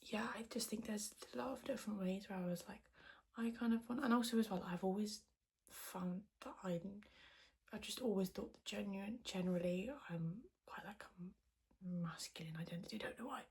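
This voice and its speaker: A woman podcast host whispering in a hushed, quiet voice so as not to wake anyone, chatting casually in a rambling, self-deprecating way. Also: mid-range voice, fairly even intonation, normal speed. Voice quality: whispered, breathy voice. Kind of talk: casual chat to podcast viewers.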